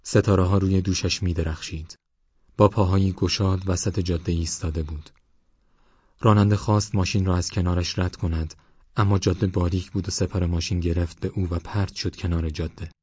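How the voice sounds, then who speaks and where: A man calmly narrating a novel as an audiobook reader in a measured way. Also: sits low, husky, no echo, muffled recording. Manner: calm, measured reading. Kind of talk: scripted narration.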